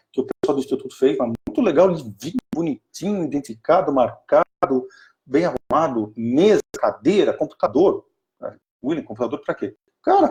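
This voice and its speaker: A Brazilian man with a Brazilian Portuguese accent tells a story in a loose, chatty live talk. His voice is mellow and sits at a middle pitch, and he keeps restarting his sentences with an enthusiastic flow. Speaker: strategic planning mentor for an NGO.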